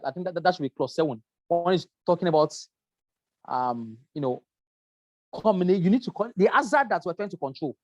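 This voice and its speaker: A workplace safety trainer giving a lecture with slides, stressing key points by repeating them and pausing often with um. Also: medium pitch, a little mellow, no echo, muffled recording. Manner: emphatic, repeats key points, frequent um fillers.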